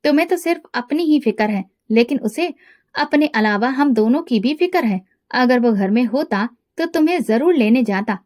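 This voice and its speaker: A chiding middle-aged mother, read out by a woman narrator in a high, light voice. She sounds reproachful and lecturing in a storybook way, hardly changed from the reader's own voice. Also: expressive, normal speed, darkish tone. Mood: scolding. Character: middle-aged mother, scolding but caring.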